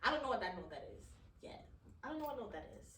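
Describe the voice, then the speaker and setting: A woman from Hawaii co-hosts a casual podcast, teasing her friend and swearing emphatically. Her voice is bright and sharp with a lively, swooping pitch. She sounds a little distant in a roomy space with faint background noise. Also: fast talker. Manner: teasing, emphatic and profane, laughs often. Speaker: podcast co-host.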